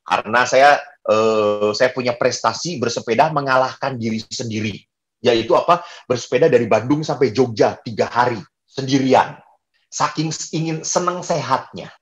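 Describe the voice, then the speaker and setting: Priest telling stories with humor. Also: male voice, medium pitch, moderate pace. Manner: storytelling with humor, acts out quoted voices. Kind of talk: sermon.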